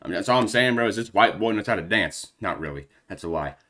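A man's voice: fairly low pitch, lively intonation, fast, pushed and bright. A young man hosting a reaction video in casual, rambling chat, slangy and full of fillers, a bit out of breath.

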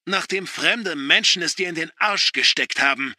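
A furious middle-aged father hurls scorn in a raised, strained shout, voiced by a man reading a story. The voice sits higher than normal speech and rings hard and bright. The sound is dry and close, with no room around it. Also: lively intonation, moderate pace, dry recording, exaggerated voice. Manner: shouting, contemptuous.

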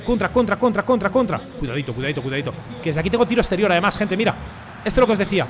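A young man with a Spain Spanish accent, commentating his own football game casually, excitable and slangy, shouting when he scores. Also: sits high, very fast, crowd noise. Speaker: gaming YouTuber.

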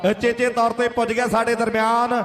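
A man with an Indian Punjabi accent giving excited rural sports commentary and announcements, repeating phrases in a chant and addressing listeners as friends. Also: very high voice, fairly quick. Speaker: kabaddi match commentator and announcer. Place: outdoor village kabaddi tournament ground. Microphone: public-address microphone. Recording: echoey PA system, crowd noise.

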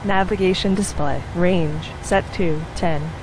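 Woman sim pilot, clipped cockpit headset radio calls, lower voice, constant background hum. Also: steady tone, a little slow. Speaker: flight simulator pilot.

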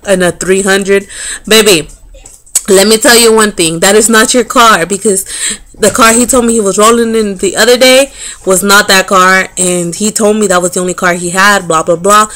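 A woman in her thirties telling a story to camera in a casual vlog, animated and profane, with sassy, dismissive asides and frequent laughter. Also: medium pitch. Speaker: vlogger.

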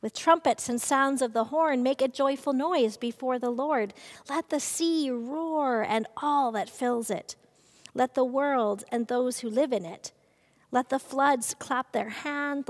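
Middle-aged lady minister reading slow liturgy, higher voice, long church reverb. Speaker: minister leading worship. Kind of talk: leading a church service. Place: church sanctuary, seated at a table.

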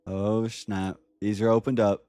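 A man's voice: fairly low pitch, level tone, unhurried, mellow, clean tone, dry recording. A young man streaming a horror game from home, commenting casually and jokily while sounding scared and reacting aloud in outbursts. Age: young adult. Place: small room at home.

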